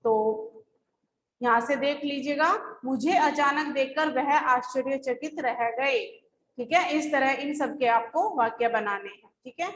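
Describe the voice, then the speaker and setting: A woman's voice: high voice, a little slow, roomy sound, a little hiss or hum, rough recording. A woman schoolteacher going over lesson answers, explaining patiently step by step. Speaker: school teacher. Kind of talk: recorded class lesson.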